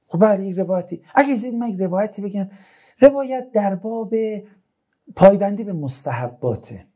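A man delivers a relaxed religious talk, telling stories and tossing joking asides to the people around him. His pitch swings widely as he speaks. His tone is soft and mellow. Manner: chatty, joking asides to listeners. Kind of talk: informal religious talk with storytelling.

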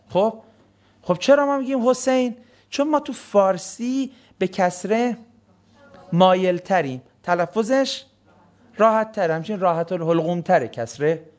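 A man's voice: high voice, darkish tone. A man teaching a class on the meaning of sacred words, who keeps asking the students questions and then answering them himself. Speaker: religious studies teacher. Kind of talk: classroom lecture on Quranic words.

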